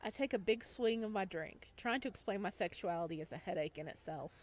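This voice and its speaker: This woman gaming streamer reads visual novel lines aloud and comments along as she plays, giggly and playful throughout. She speaks briskly at a medium pitch, with an expressive delivery.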